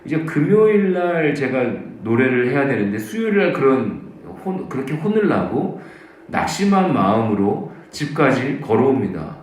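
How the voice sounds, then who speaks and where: A man's voice: medium pitch, big pitch swings, normal speed, slight background noise. A male pastor preaching at a dawn service, telling his own story and acting out the voices he quotes. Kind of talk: sermon with personal testimony. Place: church sanctuary. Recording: very echoey church hall.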